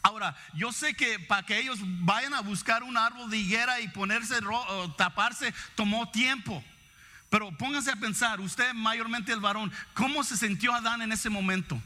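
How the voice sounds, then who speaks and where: A man's voice: sits high, moderate pace, pushed and bright. A man preaching a sermon, reading scripture and reflecting on it, often asking the congregation questions.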